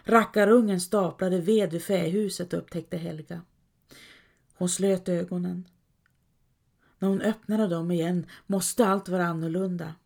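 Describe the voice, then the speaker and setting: A woman reading a story aloud as calm scripted narration, lightly voicing quoted characters. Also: on the low side, creaky. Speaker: audiobook narrator.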